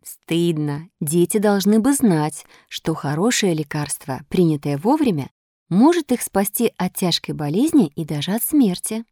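A woman voicing a gentle motherly fairy. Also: lowish voice, animated, unhurried, no echo, studio quality. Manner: gentle, soft-spoken, coaxing. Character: kind, patient motherly fairy. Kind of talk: storybook reading.

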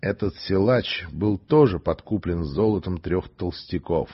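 A man narrating a story in an expressive, deliberate way, on a dull lo-fi recording. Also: deep voice, husky. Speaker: audiobook narrator. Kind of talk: scripted narration.

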